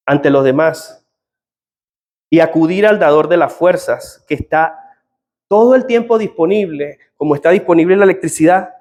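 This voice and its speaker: A man's voice: fairly high pitch, a little mellow. A middle-aged man preaching a sermon as pastor, telling personal stories in an earnest way. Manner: earnest, personal storytelling with quoted dialogue.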